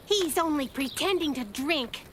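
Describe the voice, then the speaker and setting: A woman voicing a spirited, bossy young girl in an animated cartoon, emphatic and excitable. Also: high voice, unhurried. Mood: scornful, confident. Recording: music behind the voice.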